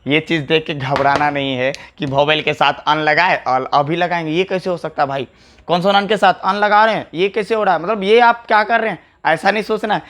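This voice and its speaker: Man, high voice, grammar teacher, repeats words, asks students questions. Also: a little fast, a bit bright. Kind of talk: classroom lecture to camera. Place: classroom with a whiteboard.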